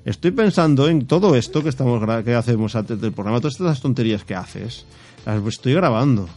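A man's voice: mid-range voice, animated, fairly quick, mellow, faint music behind. A man co-hosting a home podcast, chatting casually and teasingly, laughing often, into a studio microphone with a foam windscreen. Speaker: podcast co-host and father. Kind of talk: casual chat.

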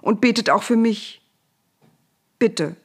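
A woman's voice: mid-range voice, measured pace, voice pushed up, lightly acted. A woman voicing the Pharaoh, a weary, whiny male ruler, groaning and pleading in a storybook reading.

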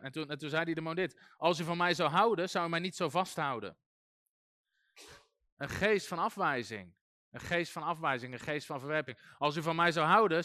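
A man's voice: a little high, sharp tone, clean tone, no echo, clean studio sound. A man teaching on deliverance in a loose, conversational way, with plenty of fillers and restarts. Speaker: deliverance preacher. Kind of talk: informal teaching talk.

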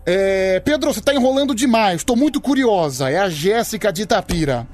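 Male radio host, high voice, teasing and stalling, faint music behind. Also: animated, fairly quick. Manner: teasing, stalling, playfully exasperated. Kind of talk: comic radio show banter.

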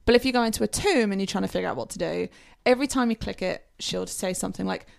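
A woman in casual chat, telling wry stories with a creaky voice. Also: mid-range voice, fast. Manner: chatty, wry storyteller.

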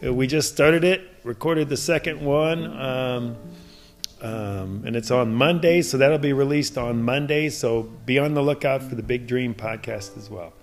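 A middle-aged man co-hosts a devotional podcast in an earnest, easygoing way, laughing often. His voice sits at an ordinary middle pitch for a man. Faint music runs underneath. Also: a little slow. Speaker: podcast co-host. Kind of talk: devotional casual chat.

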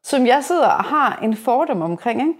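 A woman in her forties hosting a podcast, chatting casually and telling stories in a lively way with many restarts. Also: fairly high pitch, breathy edge. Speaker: podcast host. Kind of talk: casual conversation.

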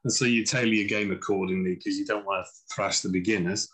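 A man's voice: lowish voice, fairly even intonation, fast talker, a bit bright, breathy edge, low-quality recording. A man, a guest in a casual podcast interview, telling chatty anecdotes and acting out what others said. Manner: chatty anecdotal storyteller, acts out quoted voices. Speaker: guest, chess author.

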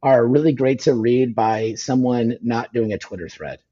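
A man talking fast as a podcast guest, rambling with lots of fillers and restarts. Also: medium pitch, mellow, slightly rough, muffled recording. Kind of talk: casual podcast conversation. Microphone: phone call.

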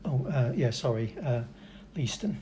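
A man's voice: medium pitch, moderate pace, warm tone, a little hiss or hum. A man hosting a casual local football chat, with hesitant restarts and a dry sense of humour. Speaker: club radio host.

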